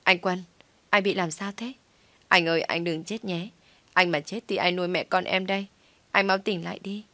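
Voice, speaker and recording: Woman doing bossy young wife, scolding, low and dry. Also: fairly even intonation, moderate pace, sharp tone, no room sound. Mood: pleading.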